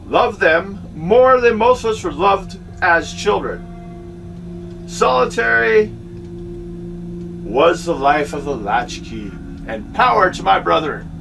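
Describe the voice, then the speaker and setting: High-pitched middle-aged man on an indignant back-in-my-day rant. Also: very animated, takes it slowly, creaky, over music. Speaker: vlogger and amateur filmmaker. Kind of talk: opinionated rant to camera. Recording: distant mic with faint background noise.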